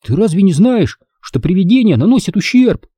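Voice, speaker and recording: Man doing an excitable, ghost-believing little boy. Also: high voice, normal speed, husky, no echo, studio quality, voice pushed up, full character voice. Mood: insistent.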